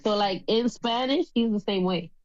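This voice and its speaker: A woman co-hosting a podcast, chiming in with teasing, quick remarks in casual chat. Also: medium pitch, darkish tone, lo-fi sound. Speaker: podcast co-host.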